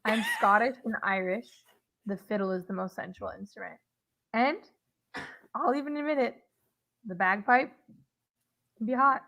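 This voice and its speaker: A woman's voice: medium pitch, normal speed, vocal fry, long pauses, sharp tone. A woman in her twenties co-hosting a casual chat over a video call, teasing and joking. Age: 20s. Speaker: co-host.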